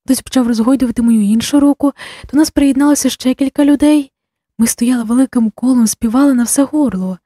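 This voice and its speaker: Mellow, breathy woman narrator. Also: high-pitched, fairly quick, no room sound, clean studio sound. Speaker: audiobook narrator. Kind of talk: audiobook narration.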